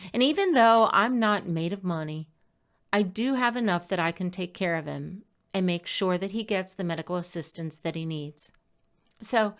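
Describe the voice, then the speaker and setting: Her voice sits on the low side as she reads aloud a personal blog post she wrote. The scripted narration comes across as chatty and expressive, like someone telling a story.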